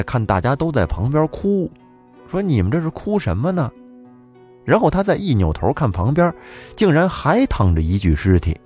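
A man telling a folk tale in a lively, colloquial, dramatic way. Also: medium pitch. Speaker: storyteller.

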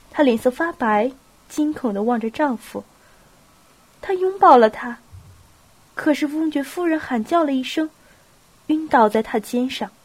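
A woman with a cold narrating a novel in a steady storytelling voice. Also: high voice. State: has a cold. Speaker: audiobook narrator. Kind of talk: novel reading.

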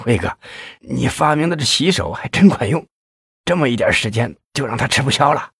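A man's voice: medium pitch, very animated, fairly quick, gravelly, a bit bright, breathy edge, no room sound, studio quality, pitched above the performer's own voice, exaggerated voice. A man voicing a brutal, cursing police chief. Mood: smug. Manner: cursing, barking orders. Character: brutal hot-tempered male police chief.

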